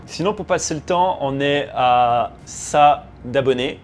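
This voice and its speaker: A man's voice: mid-range voice, slow pace, slight background noise. A man casually commenting on a flight simulator as host and virtual pilot. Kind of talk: casual gaming commentary with pilot radio calls.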